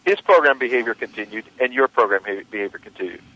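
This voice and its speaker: A man's voice: medium pitch, lively intonation, quick pace, sharp tone, dry recording. A man hosting a radio show as a coach, probing his guest with questions and repeating key phrases for emphasis. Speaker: radio host and life coach. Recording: dry, dull lo-fi radio audio.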